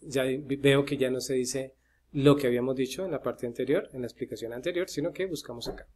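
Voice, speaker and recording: A man's voice: mid-range voice, fairly quick, darkish tone. A man giving a casual screen-share pronunciation lesson, chatty, with many "eh" fillers as he talks to his viewers. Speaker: English pronunciation teacher.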